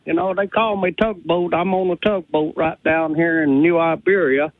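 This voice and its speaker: A man from calling into a radio show on a crackly cordless phone line that fades in and out, speaking from a tugboat in an easygoing, drawn-out way. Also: on the high side, steady tone, no echo. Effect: crackly cordless phone line, fading in and out. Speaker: radio caller. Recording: tinny phone line cutting out.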